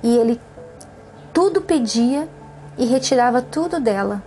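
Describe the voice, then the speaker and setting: A woman reading a children's story aloud in calm, measured narration, then commenting on it. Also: on the high side, faint music behind.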